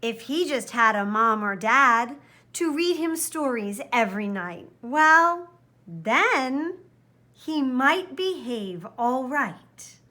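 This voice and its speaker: A woman's voice: sits high, lively intonation, slow, pushed and bright. A woman reading a children's picture book aloud expressively, with dramatic, careful emphasis. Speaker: storybook reader.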